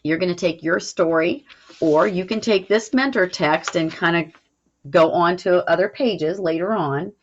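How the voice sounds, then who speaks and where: A teacher with a lowish voice talks through a recorded lesson at a measured pace, keeping it casual and explanatory and dropping in "all right" check-ins throughout. A little hiss or hum sits under the dull, lo-fi recording.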